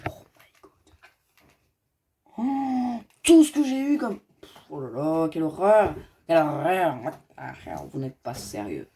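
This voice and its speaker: A man talks his viewers through a building game in loose, rambling commentary. His pitch swings widely and animatedly from line to line. He addresses the audience directly and drifts into chatty asides. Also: very animated, measured pace, creaky, long pauses, mellow. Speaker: gaming youtuber.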